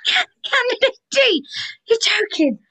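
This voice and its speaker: A woman with a British accent playing an exasperated audition judge who sighs and calls out loudly. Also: extremely high pitch, big pitch swings, measured pace. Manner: weary, sighing, loud.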